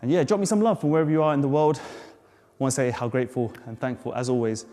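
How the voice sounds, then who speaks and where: Guy coaching jump rope, low mellow voice, kinda out of breath, reverby hall with music under. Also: steady tone, very fast. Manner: encouraging, step-by-step cues. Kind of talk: tutorial instruction.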